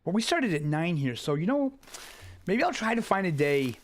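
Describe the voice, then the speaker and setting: A man's voice: high-pitched, sing-song, normal speed. A young man casually commenting on his own live gameplay, muttering asides as he plays. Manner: laid-back, muttering asides. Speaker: streamer.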